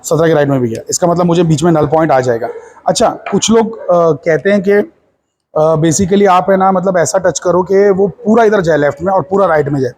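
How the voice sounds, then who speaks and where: Man, Indian accent, physics lab teacher, step-by-step explaining, mellow dark tone. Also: high voice, moderate pace, slight background noise. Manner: explains step by step, with frequent checks like "is it not?". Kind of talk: hands-on lab demonstration.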